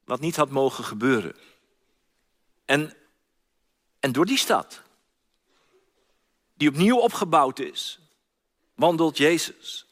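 A man's voice: a little high, fairly bright tone. A man preaching a sermon, retelling a story and acting out its cries, often repeating words as he goes. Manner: storytelling, acts out quoted cries, frequent repeats. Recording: long hall reverb.

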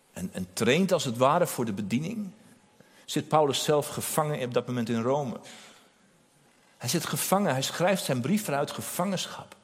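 A man's voice: mid-range voice, husky. A man preaching a sermon in an earnest, emphatic way, repeating key phrases. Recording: long hall reverb.

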